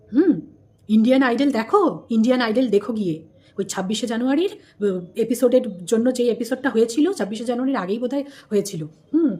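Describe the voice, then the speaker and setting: A woman's voice: on the high side, warm tone. A woman from India hosting a casual commentary vlog, chatty and scolding, repeating herself and tossing rhetorical questions at viewers. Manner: scolding, repetitive, rhetorical asides. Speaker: host.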